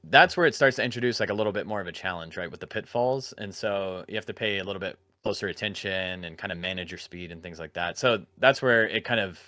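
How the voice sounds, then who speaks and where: A man's voice: deep voice, fast, hardly any pauses, pushed and bright, no echo. A man joining a casual chat over a video call, telling stories animatedly.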